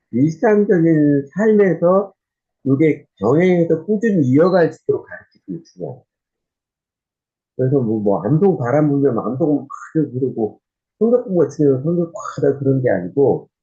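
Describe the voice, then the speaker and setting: A male pastor giving a conversational church teaching, often pausing on fillers and restarting his sentences. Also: mid-range voice, creaky, warm tone, lo-fi sound.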